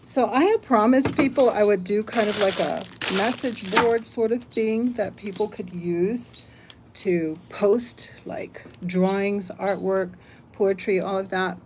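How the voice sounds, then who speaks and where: An older American woman hosts a casual livestream, chatting, reading comments aloud and thinking out loud. She speaks slowly at medium pitch, with background noise in the recording.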